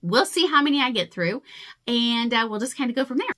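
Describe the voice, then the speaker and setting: A woman's voice: a little high, lively intonation, brisk, fairly bright tone. A woman in her forties talking casually to camera about her family and pets, chatty and rambling with a self-deprecating humor. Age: 40s. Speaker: crafting vlogger.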